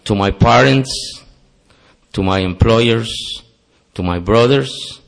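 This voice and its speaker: His voice is on the low side and creaky, and he takes his time. He's a native Spanish speaker from Costa Rica with a Costa Rican Spanish accent, offering a heartfelt personal testimony with self-mocking humor at a recovery meeting held in a meeting hall.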